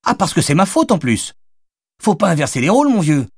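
An exasperated young woman with a sharp tongue, as a male narrator puts her on. She fires off indignant, cutting retorts, her voice pushed high and lively. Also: a little fast, breathy edge, dry recording, clean studio sound, exaggerated voice.

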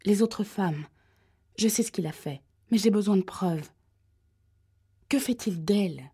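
A woman's voice: medium pitch, unhurried, husky. Woman voicing a tense, insistent investigator. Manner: steady, insistent. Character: tense female investigator, calm but pressing.

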